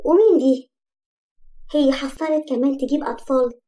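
A woman's voice: sits high, normal speed, close to an everyday voice. Woman voicing an angry scolding woman. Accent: Egyptian. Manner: loud, scolding. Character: angry, scornful woman of the house.

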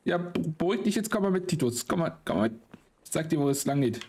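A man giving excitable, slangy casual commentary while he plays a game, swearing often. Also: fairly high pitch, fast talker, slightly rough. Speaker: let's play host.

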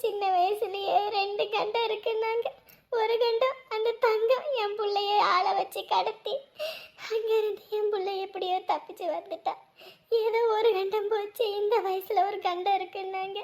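A woman's voice: extremely high pitch, level tone, normal speed. A woman playing a village mother who sobs and wails as she talks. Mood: grieving. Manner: tearful, wailing, sobbing through her words. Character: grieving village mother at her son's hospital bed. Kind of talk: emotional village drama acting.

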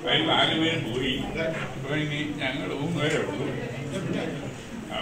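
An older man gives an earnest, halting speech. His voice runs a little high and he is far from the microphone. The hall rings with echo and a crowd fills the background. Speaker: guest speaker. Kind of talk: celebration speech.

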